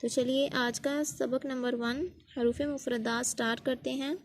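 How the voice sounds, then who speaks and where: A woman's voice: sits high, steady tone, measured pace. A woman teaching Quran letter pronunciation, speaking patiently step by step and repeating each sound as a model for learners.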